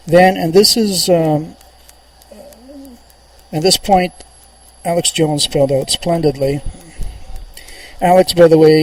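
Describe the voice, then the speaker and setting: Guy doing a political radio monologue, kinda high voice, really emphatic, keeps hammering his points. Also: slight background noise, rough recording. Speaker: radio show host.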